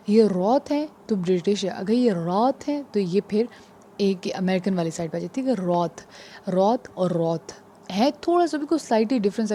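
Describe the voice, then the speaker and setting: Brief: female tutor, mellow and patient, slows down on key words, faint noise behind. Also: medium pitch. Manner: patient, repeats "ठीक है" often. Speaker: exam prep teacher. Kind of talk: casual explanatory lesson.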